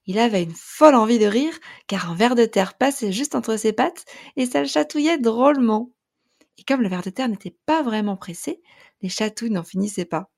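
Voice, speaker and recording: A woman narrating a children's storybook in a gentle, lilting way. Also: a little high, normal speed, vocal fry. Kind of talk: storybook reading.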